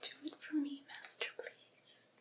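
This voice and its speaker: In a soothing whispered ASMR roleplay, a woman voices a vampire's devoted and patient familiar. She speaks slowly, softly and breathily in a natural voice, coaxing, chatty and lightly teasing.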